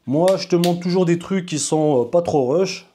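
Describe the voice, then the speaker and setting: A man's voice: a little high, normal speed, warm tone, a little hiss or hum. A man casually reviewing camera gear in a vlog, chatty and informal, talking straight to the viewer. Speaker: video maker reviewing gear.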